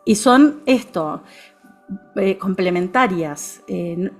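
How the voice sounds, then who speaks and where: A woman with a Rioplatense Spanish accent, a therapist guest explaining things in a calm, reflective way, often ending her phrases with a questioning tag. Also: mid-range voice, takes it slowly, soft background music. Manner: calm, reflective, frequent "¿no?" tags. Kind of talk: conversational explanation.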